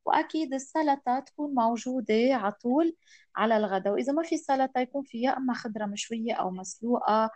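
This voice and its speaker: A woman's voice: a little high, quick pace, darkish tone, dry recording. A woman with a Lebanese accent giving explanations as an expert guest in an interview, mixing in French and English words.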